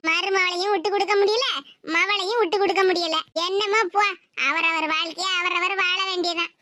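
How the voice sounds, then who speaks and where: A weary older mother from a cartoon, sighing through her troubles in a Tirunelveli Tamil lilt, as a voice actor puts her on. The voice sits very high and thin, and a steady hiss of noise runs under it. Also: fairly quick. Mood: resigned. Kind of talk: cartoon voice acting.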